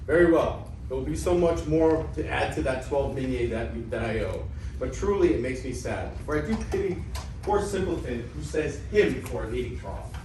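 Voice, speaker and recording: In an amateur reading of a classical comedy, a man with a mid-range, lively, slightly mellow voice close to everyday speech plays a crafty, mocking old Greek father at normal speed. He is pompous, theatrical and scornful, recorded with a distant mic in an echoey room with faint noise.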